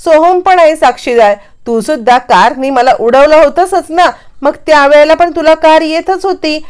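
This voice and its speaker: A woman's voice: high voice, normal speed, pitched above the performer's own voice, lightly acted. A woman voicing a fiery, stubborn young woman in a quarrel, speaking in a defiant, scolding way.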